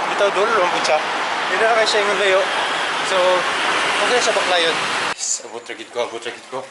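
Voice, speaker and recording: Joking male vlogger over loud background noise. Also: high voice. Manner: joking, laughs often, switches between languages. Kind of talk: casual vlog chat. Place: indoors, busy house during wedding preparations.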